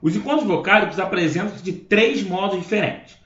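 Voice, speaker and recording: A man's voice: high-pitched, expressive, fairly quick, a bit bright. A man teaching a grammar lesson, explaining step by step and checking in with his listeners. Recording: echoey room, dull lo-fi sound.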